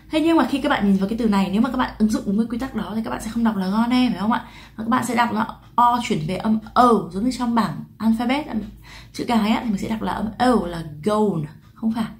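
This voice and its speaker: A woman's voice: a little high, darkish tone. A woman from Vietnam teaching English pronunciation in a chatty lesson, asking rhetorical questions and drawing out example words. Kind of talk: explanatory lesson to camera.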